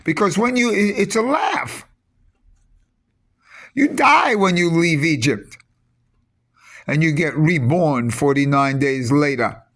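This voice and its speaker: A man giving a rambling spoken teaching on mysticism, halting often with restarts and repeated words. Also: a little high, expressive, a bit bright.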